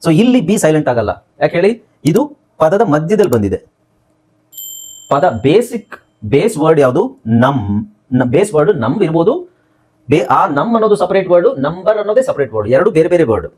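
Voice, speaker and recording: A man's voice: fairly high pitch, sing-song, a little fast, long pauses, darkish tone, breathy edge. A man teaching a spoken English lesson, spelling words letter by letter, repeating them and asking his class questions that he then answers.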